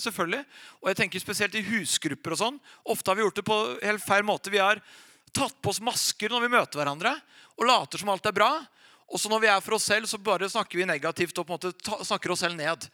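A man's voice: high voice, sharp tone, no room sound, studio quality. A middle-aged man, preaching a sermon in an earnest, emphatic way and quoting scripture.

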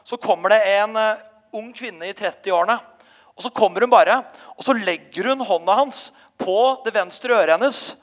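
A male pastor delivers a sermon with a notably high voice. He tells his stories with plenty of hesitations and small restarts. His words echo with the long reverb of a church hall. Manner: storytelling with frequent hesitations.

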